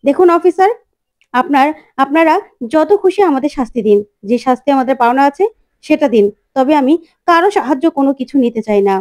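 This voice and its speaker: A woman's voice: high-pitched, expressive, brisk, darkish tone. A woman voicing a stubborn older matriarch who firmly refuses to talk. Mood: defiant. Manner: firm refusal.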